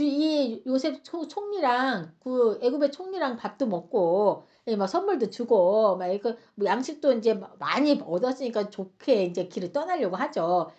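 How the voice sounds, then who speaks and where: A woman Bible teacher telling a Bible story in a lively, dramatic way. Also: on the high side. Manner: animated, dramatic retelling. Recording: dull lo-fi sound.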